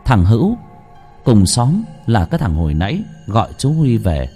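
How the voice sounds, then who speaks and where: A man narrating a rural ghost story in an expressive storytelling voice. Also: normal speed, breathy edge, faint music behind. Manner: expressive storytelling with a wide pitch range.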